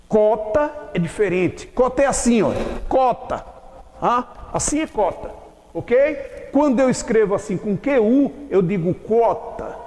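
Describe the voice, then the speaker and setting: A man teaching a grammar lesson, explaining slowly and often checking whether his students have understood. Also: very high-pitched, darkish tone, in a large hall, a little hiss or hum. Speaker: Portuguese teacher. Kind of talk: classroom lecture.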